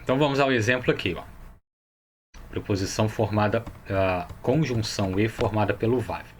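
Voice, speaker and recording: A man's voice: fairly low pitch, normal speed, slight background noise. A man with a Brazilian Portuguese accent teaching a Hebrew grammar lesson, explaining each step patiently and often checking that the viewer follows.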